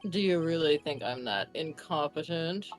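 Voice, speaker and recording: A woman's voice: sits low, lively intonation, normal speed, soft background music. A woman voicing a smug, jovial middle-aged male police chief in a fan game playthrough, drawing out her lines in a teasing way.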